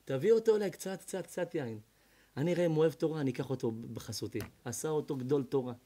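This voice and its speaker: A male rabbi telling a story in a sermon, acting out each character's lines and swinging from loud to hushed. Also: on the high side. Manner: dramatic, voicing characters in the tales with big swings in loudness. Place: evening lecture before an audience.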